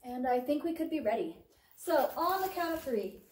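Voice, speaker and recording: In an underground cave room, a woman guiding a tour addresses her group in a playful, chatty way, her high voice animated, darkish in tone, and moderately paced. The sound, recorded on a visitor's distant phone, echoes and carries faint noise.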